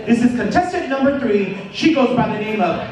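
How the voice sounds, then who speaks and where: A man's voice: extremely high pitch, animated, brisk, very noisy. A man hosting a pageant on stage, announcing contestants to a live audience in a hyped, showy emcee manner. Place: large indoor event venue with stage. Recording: echoey hall, distant PA, loud crowd.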